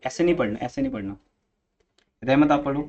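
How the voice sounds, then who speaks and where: A man's voice: mid-range voice, animated, brisk, a little mellow, muffled recording. A male commerce teacher giving a classroom economics lecture, coaching and scolding students on how to read theory aloud.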